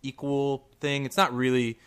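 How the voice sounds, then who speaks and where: A young man with a mid-range voice talks films in a loose, rambling way. He restarts often and his voice jumps up when he gets excited. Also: medium pitch, normal speed, clean tone. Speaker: podcast co-host. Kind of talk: casual chat.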